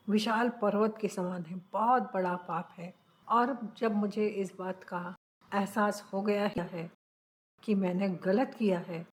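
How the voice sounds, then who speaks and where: A woman's voice: mid-range voice, darkish tone. A middle-aged woman teacher explaining a poem to students, reading verse lines with emphasis and then paraphrasing them plainly. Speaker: Hindi literature teacher.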